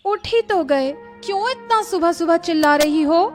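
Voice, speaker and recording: A woman's voice: very high-pitched, animated, a little slow, soft background music. A woman voicing a young eldest granddaughter who coaxes and placates her grandmother. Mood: coaxing. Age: young adult. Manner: coaxing, placating.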